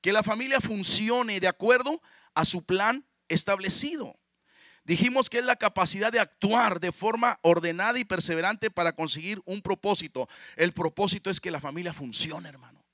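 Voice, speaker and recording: A man's voice: high voice, moderate pace, pushed and bright, no room sound. Mexican preacher guy in his 50s, sermon w/ lots of storytelling, dry close sound. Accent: Mexican Spanish. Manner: storytelling, often calls out to the congregation.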